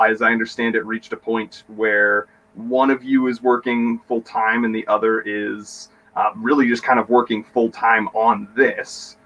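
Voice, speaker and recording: A man hosting a podcast interview, putting careful, measured questions to his guests. His manner is polite and steady. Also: medium pitch, dull audio.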